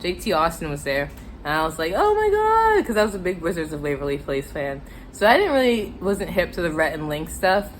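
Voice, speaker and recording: A woman's voice: deep voice, a little fast, slight background noise. An American woman telling a casual, chatty, self-deprecating story to viewers while eating, her mouth sometimes full. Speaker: mukbang vlogger telling stories.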